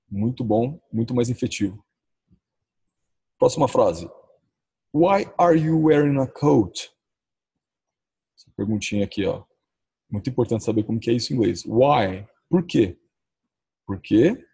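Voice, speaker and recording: A man with a Brazilian Portuguese accent teaching English in a recorded lesson, saying the English example phrases slowly and drawn out. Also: medium pitch, gravelly, warm tone, breathy edge. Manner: says English model phrases slowly and drawn out, often adds "ó".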